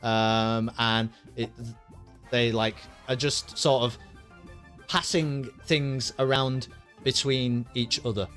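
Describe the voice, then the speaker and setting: A man's voice: medium pitch, little pitch movement, slow pace, fairly bright tone, soft background music. A man narrating as game master of a tabletop game, rambling loosely with many ums and laughs.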